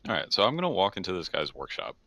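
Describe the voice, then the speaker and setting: Very deep-voiced man playing a tabletop game. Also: huge pitch swings, racing, fairly bright tone, no room sound. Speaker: player. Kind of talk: casual tabletop play.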